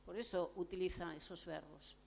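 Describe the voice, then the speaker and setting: Psychologist lady from giving a talk, kinda low voice, keeps asking the room questions. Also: steady tone, normal speed, creaky, darkish tone. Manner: explanatory, asks rhetorical questions and addresses the audience directly. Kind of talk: conference lecture.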